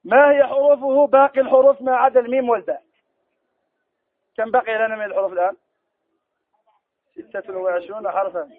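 A man teaching Quran recitation rules in a classroom lesson, quizzing students and then answering his own questions, slowing down to recite verse examples. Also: very high-pitched, flat delivery, dry recording. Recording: tinny phone-like lo-fi recording.

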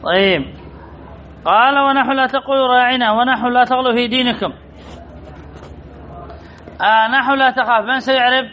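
In a dull, lo-fi classroom recording with slight background noise, a man with a very high voice teaches an Arabic grammar lesson. He speaks at a moderate pace and pauses often, reading from a text, repeating key terms, and calling on students by name to answer.

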